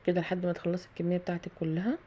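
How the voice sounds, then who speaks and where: Egyptian lady chatting thru her cake recipe, mellow dark voice, bit of noise in her kitchen. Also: lowish voice, little pitch movement, racing, dull audio. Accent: Egyptian Arabic. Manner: chatty, thinking aloud with frequent fillers and pious phrases. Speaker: home cooking video host. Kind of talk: casual cooking tutorial narration. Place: home kitchen.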